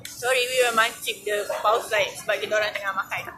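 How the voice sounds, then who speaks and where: A woman's voice: medium pitch, steady tone, fast, music in the background, poor audio. A young woman with a Malaysian English accent, co-hosting a casual chat in a restaurant, mixing Malay words into her English and giggling often. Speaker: podcast co-host.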